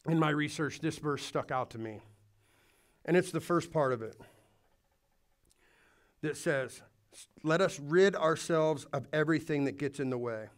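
This pastor's fairly high voice moves unhurriedly, with long pauses, as he preaches to a church congregation. He is earnest and urging, and he restarts some lines.

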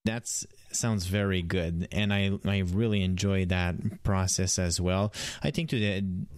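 A man's voice: low-pitched, steady tone, unhurried, no room sound, studio quality. A man hosting a conversational interview, reflecting and asking questions of his guest. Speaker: interviewer, host.

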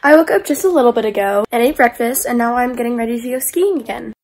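A woman's voice: fairly high pitch, lively intonation, fast talker, music in the background. A teenage girl narrating a casual travel vlog, upbeat as she talks through her day's plans into a phone held at arm's length. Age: teens. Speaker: vlogger. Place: indoor rooms of a condo and a car.

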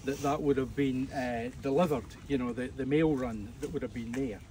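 The speaker is an evangelist from Scotland whose mid-range voice stays steady and dark at a moderate pace. He preaches informally to visitors at ancient ruins, joking and filling gaps as he goes, heard through a distant mic with light background sound.

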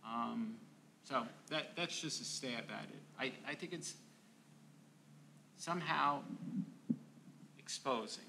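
Older man, creaky bright voice, halting reflective panel talk, slight background noise. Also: medium pitch. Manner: halting, repeating words as he thinks aloud. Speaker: panel speaker, academic. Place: large event room, indoors. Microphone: microphone on a table stand.

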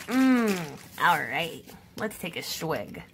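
A woman chatting to viewers in a comedic art vlog, playful and jokey, with drawn-out exasperated sighs. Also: lowish voice, very animated, background noise. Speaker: art vlogger.

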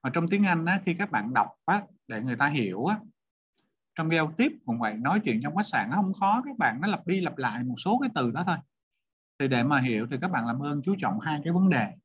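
A man's voice: on the high side, very animated, a little fast, fairly bright tone, husky. Man, teacher, quizzing students, repeating points, muffled lo-fi audio. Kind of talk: online class lecture. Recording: dull lo-fi sound.

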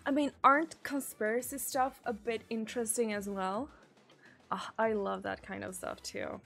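Soft background music accompanies this woman in her thirties from Sweden, who reads viewer messages aloud on a live stream, giggling and chatting casually with a Swedish accent. She uses a boom-arm desk mic in a small room, and her voice is gravelly and fairly bright, with fairly even intonation. She's giggly and chatty, leaving long, drawn-out pauses.

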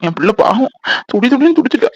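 A man voicing a soft-hearted young father in a cartoon, who frets and pleads in a tearful way. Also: very high-pitched, very animated, fast talker, breathy edge, dry recording, highs cut off, heavily acted. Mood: fretful. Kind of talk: cartoon voice acting.

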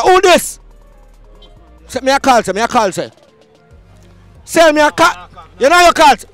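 Outdoors at a street market, a young Jamaican man hosts a vox pop with a handheld mic, hyped up and shouting slogans amid Patois banter. His voice is very high-pitched.

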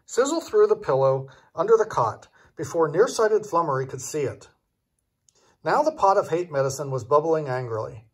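An older man with a husky, fairly high-pitched voice for a man reads a children's tale at a moderate pace. His delivery is very animated, much like a grandpa reading at bedtime.

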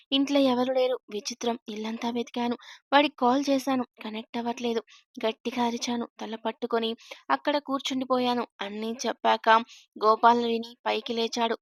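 A woman narrating a first-person story in a steady, even storytelling voice. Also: fairly high pitch, no room sound, clean studio sound.

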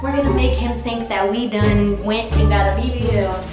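A woman's voice: mid-range voice, fairly even intonation, normal speed. A young woman hosting a casual prank vlog, playful and teasing, with a slangy way of talking. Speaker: vlog host. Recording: echoey room, off-mic, light music.

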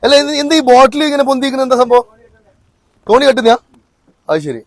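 A man's voice: very high voice, lively intonation, quick pace, dry recording, low-quality recording. A man with a north Kerala Malayalam accent, chatting casually as a vlog host, mixing in English slang and talking familiarly to viewers and locals. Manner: colloquial, with English slang words mixed in. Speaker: vlogger, host. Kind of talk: casual excited vlog chat with questions to locals. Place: outdoors by a river and in a boat.

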